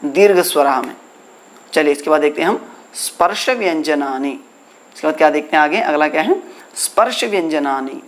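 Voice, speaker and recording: A man teaching a Sanskrit lesson in Hindi, asking his students questions and answering them himself, drawing out the letters slowly. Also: on the high side, lively intonation. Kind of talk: classroom lesson explaining exercises.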